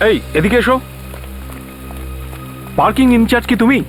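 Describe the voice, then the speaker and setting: A man's voice: very high voice, lively intonation, normal speed, soft background music. An actor playing a stern, impatient man who scolds and gives orders in a dubbed TV crime drama. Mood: irritated.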